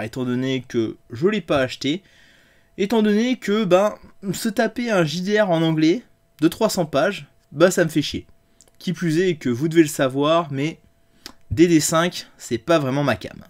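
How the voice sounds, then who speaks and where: A man's voice: on the high side, normal speed, a little mellow. A man hosting a tabletop game review show, talking in a sarcastic, crude and theatrical monologue.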